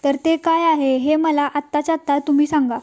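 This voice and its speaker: Insistent wife pressing for the truth, read by a woman in a high, mellow voice. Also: fairly even intonation, brisk, close to an everyday voice. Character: insistent wife, hurt and questioning.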